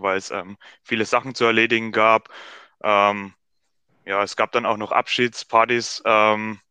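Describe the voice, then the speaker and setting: Flat-voiced calm man in his twenties. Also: lowish voice, clean tone, dry recording. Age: 20s. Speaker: podcast guest. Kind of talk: casual podcast chat.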